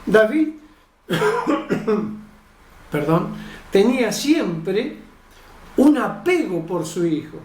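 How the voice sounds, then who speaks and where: Slow-preaching woman in an echoey room. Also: mid-range voice, sing-song, a little mellow, far from the mic. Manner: slow, emphatic preaching with repeated phrases. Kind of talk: sermon.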